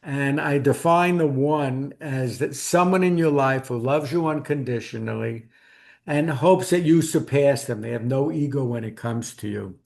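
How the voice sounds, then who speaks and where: A man's voice: mid-range voice, normal speed, gravelly, a little mellow. A middle-aged man with a Brooklyn accent, telling a personal story conversationally as an interview guest. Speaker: guest author.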